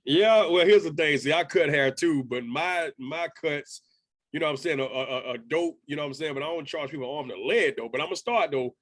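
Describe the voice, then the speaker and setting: A man's voice: fairly high pitch, a little fast, no echo, studio quality. A man in his thirties hosting a casual interview over a video call, upbeat and chatty with a slangy manner. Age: 30s. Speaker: interview host.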